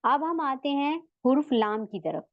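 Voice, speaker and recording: A woman gives a recorded online lesson in a high, unhurried voice. She repeats each sound patiently as a drill and keeps checking in with her learners. The recording is dry and slightly dull. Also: expressive, no echo. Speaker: Tajweed teacher.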